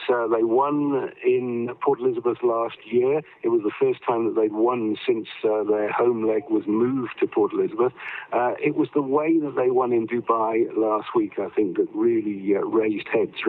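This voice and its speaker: A man answers sports questions over a video call, and the audio is thin and phone-like. He is a rugby commentator who talks at an average pitch. He stops often to say um and starts his sentences over. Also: fairly even intonation, normal speed. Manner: hesitant, with many fillers and restarts. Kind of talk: remote news interview.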